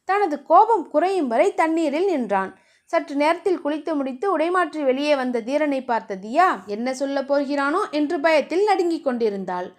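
A woman narrating a romance novel aloud in a steady, expressive storytelling manner. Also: high-pitched.

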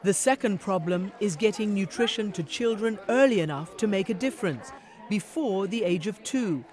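A middle-aged woman correspondent giving a measured, earnest scripted news narration. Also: medium pitch, animated, a little mellow.

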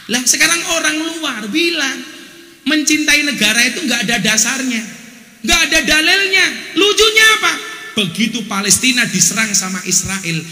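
A preacher from Java, Indonesia, speaking with a Javanese accent and an extremely high pitch, gives a lively, joking sermon to a large crowd. He slips into local dialect for the punchlines. The recording has the echo of a big hall.

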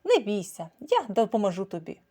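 A scruffy ginger alley tomcat, put on by a woman reading a children's story. He talks loudly, with swagger and mock gallantry, his voice rising and falling in lively swings. It sounds like a storybook rascal showing off. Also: mid-range voice, a little fast. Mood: boastful. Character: scruffy ginger male alley cat, brawler.

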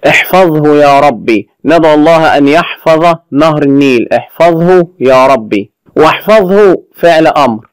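A man with an Egyptian accent teaching a children's Arabic lesson, reciting verses slowly and explaining them in quick colloquial asides. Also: a little high, clear, resonant tone, dry recording, low-quality recording. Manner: asks the pupils questions and answers them himself.

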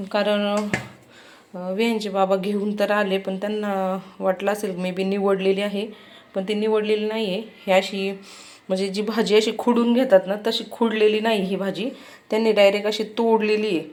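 A woman in her thirties with a Marathi accent talks through her kitchen routine in a relaxed, chatty way, explaining each step as she works. Her pitch sits in an ordinary middle range. Faint clatter of pots and dishes stays in the background. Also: reverberant, slight background noise. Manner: calm chatty explaining, raises voice to call her children. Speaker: family vlogger. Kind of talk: casual vlog narration while cooking. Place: home kitchen.

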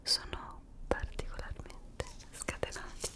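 Female, twenties. Unhurried ASMR whisper, right in your ear on a close studio mic. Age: 20s. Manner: slow, soft, unhurried delivery. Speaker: ASMR host. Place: small quiet indoor room. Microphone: large studio condenser microphone inches from the mouth. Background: crunchy slime crackling and crinkling.

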